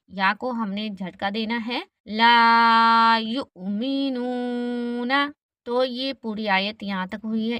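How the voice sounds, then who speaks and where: A woman teaching Quran reading, spelling each letter with its vowel mark and then blending the word, with quick explanations of the rules between recitations. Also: medium pitch, fairly bright tone, no echo. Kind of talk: slow letter-by-letter recitation lesson.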